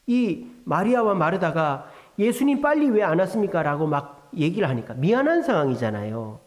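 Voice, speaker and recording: Animated male preacher, high and expressive, full of rhetorical questions. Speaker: pastor. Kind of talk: sermon.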